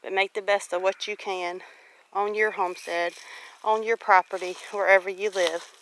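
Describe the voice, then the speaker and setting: This homestead vlogger, a woman in her late forties, speaks at normal speed in a medium-pitched, slightly bright, flat voice. Walking around her rural property, she talks to viewers casually and reflectively, with devout encouragement. The low-quality outdoor recording has clear background noise.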